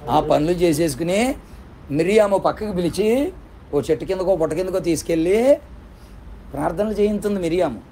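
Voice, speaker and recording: A man's voice: high-pitched, expressive, brisk, pauses often, dark tone, a little hiss or hum. A male pastor preaching a sermon with fervent, repetitive rhetorical questions.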